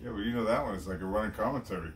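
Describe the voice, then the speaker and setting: A man's voice: lowish voice, rapid-fire, very noisy. A man joking and teasing from off camera in casual banter. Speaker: partner off camera.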